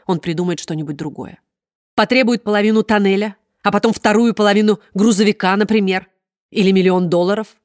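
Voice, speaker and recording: A woman's voice: medium pitch, a little mellow, no echo, clean studio sound, natural voice. A woman reading an audiobook, voicing a stern, manipulative female official with a formal, commanding voice. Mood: soothing.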